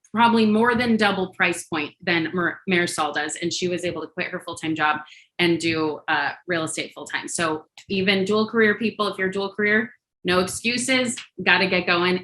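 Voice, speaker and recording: Woman coach on a video call, bright and sharp tone, chatty and upbeat, full of "um"s. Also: mid-range voice, low-quality recording. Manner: chatty and encouraging, many fillers and restarts. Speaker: productivity coach hosting a group call. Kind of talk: casual coaching talk to a group.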